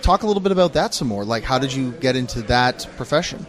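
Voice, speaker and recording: A man's voice: medium pitch, expressive, quick pace. A man interviewing a wrestler, asking friendly, rambling questions with fillers. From Canada.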